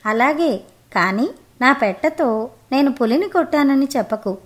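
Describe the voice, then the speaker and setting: A woman's voice: high voice, lively intonation, measured pace. Naive male forest hunter in an audio storybook, read by a woman narrator, simple and guileless. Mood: innocent.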